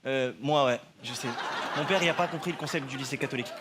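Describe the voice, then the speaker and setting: A male stand-up comedian telling a story on a TV studio stage in an animated, chatty way, laughing along as he goes. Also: mid-range voice, fast, crowd noise. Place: TV studio stage with live audience. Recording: loud audience laughter and noise.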